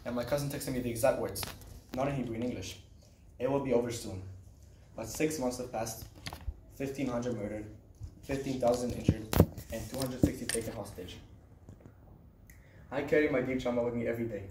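Recorded from several metres off by a camera sitting on a desk, this student delivers a prepared personal speech in a small classroom, and the sound is roomy and distant with faint noise. He's a young man from Israel, teenage to young adult, speaking fairly quickly in a medium-pitched, fairly even voice and pausing often.

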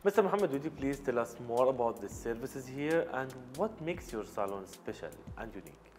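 A man's voice: mid-range voice, sing-song, brisk, a little mellow, a little hiss or hum. A man hosting a business interview show, asking formal, scripted questions. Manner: formal, scripted presenter phrasing.

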